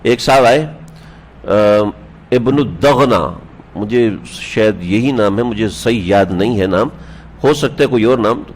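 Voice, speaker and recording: A man's voice: medium pitch, slight background noise. A male religious scholar giving a sermon, telling stories with rhetorical questions to his listeners and chuckling now and then. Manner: chuckles while telling anecdotes. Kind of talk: Urdu sermon on the Prophet's life. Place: standing on a prayer mat, indoors.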